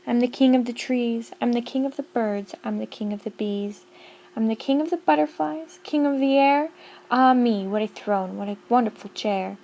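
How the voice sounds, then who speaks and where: A woman voicing a blustering, boastful male turtle king who bellows his orders loud and bossy. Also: a little high, normal speed, natural voice.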